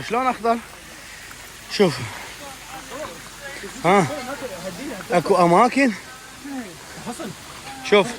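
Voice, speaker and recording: A young man with an Iraqi Arabic accent vlogging an outdoor trip, excited and anxious, calling out warnings to friends. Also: sits high. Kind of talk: outdoor adventure vlog. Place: outdoors by a waterfall.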